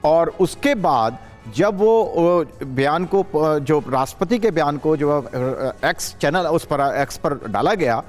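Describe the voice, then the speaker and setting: A man commenting as a guest analyst on a live news show, talking in a halting way with many hesitations and restarts. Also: a little high, lively intonation, darkish tone, faint music behind.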